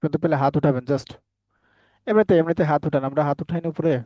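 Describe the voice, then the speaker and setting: A man's voice: fairly high pitch, quick pace, dark tone, no room sound. A man teaching an online class, drilling his students with repeated questions and answers. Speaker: English teacher. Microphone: headset.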